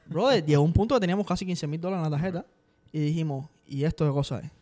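A man chatting casually on a podcast, talking quickly and dropping English words into his Spanish. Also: a little high, crowd noise. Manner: fast, energetic talk sprinkled with English words. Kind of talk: casual chat.

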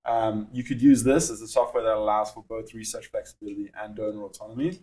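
In a podcast interview, a young South African startup founder explains his work in a measured way, leaning on plenty of filler words. His voice is fairly low and warm, with fairly even intonation.

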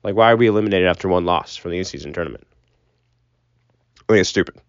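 Solo sports podcast host, young man with a low register, loose sweary opinions, dull lo-fi recording inside a closet. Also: fast, dry recording. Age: young adult. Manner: rambling, opinionated, sprinkled with swearing. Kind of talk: casual sports commentary.

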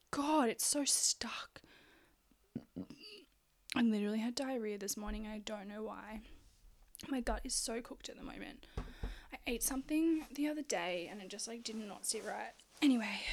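A woman's voice: on the high side, normal speed, gravelly, a little mellow. A woman hosting a casual solo podcast, chatty and rambling, full of "like"s and the odd swear word. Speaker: podcast host.

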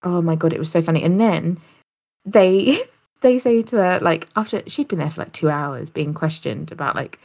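A woman co-hosting a casual chat show, retelling a story with lively energy and frequent laughter. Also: fairly low pitch, moderate pace, gravelly. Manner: animated storytelling, laughing often. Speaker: podcast co-host.

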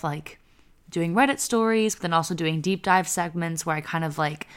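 A woman's voice: low voice, clear, resonant tone. A woman in her twenties hosting a casual podcast, congested and a bit nasal, swearing freely as she chats and reads stories aloud. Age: 20s. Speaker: podcast host. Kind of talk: casual podcast chat and story reading.

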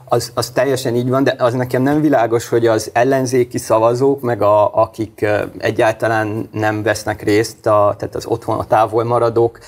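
Flat-voiced hesitant male host. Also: medium pitch, few pauses. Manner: hesitant, many fillers and restarts. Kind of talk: studio political discussion. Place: studio.

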